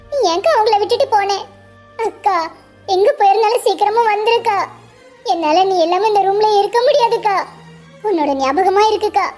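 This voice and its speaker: A woman's voice: extremely high pitch, darkish tone. A woman voicing a grieving little girl who pleads tearfully for her missing elder sister. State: crying. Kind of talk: cartoon voice acting.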